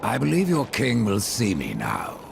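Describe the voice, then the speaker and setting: An actor playing a sardonic, cold horseman of death with a dry, gravelly voice. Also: fairly low pitch, wildly swooping pitch, moderate pace, heavy background noise, exaggerated voice. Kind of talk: game cutscene voice acting.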